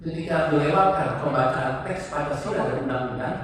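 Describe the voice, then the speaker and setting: Animated man lecturing in an echoey hall. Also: on the high side, a little fast, slight background noise. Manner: animated, acts out examples in different voices. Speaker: protocol trainer. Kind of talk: workshop lecture to an audience. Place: large hall. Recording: echoey hall, distant mic.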